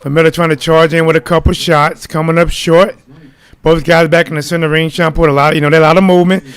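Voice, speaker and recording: A man's voice: fairly high pitch, little pitch movement, fast talker, smooth. A man giving informal live play-by-play of a boxing match, chatting to viewers as he goes. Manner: informal, addressing viewers as guys. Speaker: fight watch-along commentator. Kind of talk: casual live play-by-play commentary.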